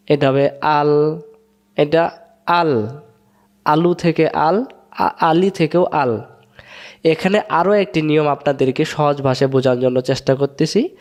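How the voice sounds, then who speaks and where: A man with a Bangladeshi Bengali accent teaches recitation step by step, his voice sitting a little high. He repeats each rule several times and quizzes himself before giving the answer, like a patient classroom drill. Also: a little mellow. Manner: repetitive, drilling rules and asking then answering his own questions. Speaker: Quran teacher. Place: room, writing on a board in front of a camera.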